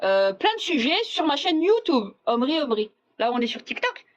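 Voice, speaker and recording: A woman's voice: high voice, sing-song, normal speed, lo-fi sound, a little hiss or hum. A woman hosting a casual live chat, talking bluntly and sarcastically, dropping Arabic phrases into her speech. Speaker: livestream host.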